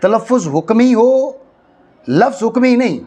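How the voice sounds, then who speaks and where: A man from Pakistan teaching a classroom lecture, often stopping to check that students follow and slowly repeating key phrases for stress. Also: very high-pitched, expressive, mellow. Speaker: teacher of Arabic grammar. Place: madrasa classroom.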